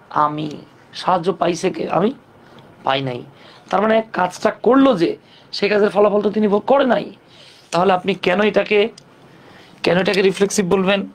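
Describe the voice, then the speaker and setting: A man teaching English grammar in a casual, step-by-step way, asking rhetorical questions and joking in colloquial speech. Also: high-pitched. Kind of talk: casual classroom lesson.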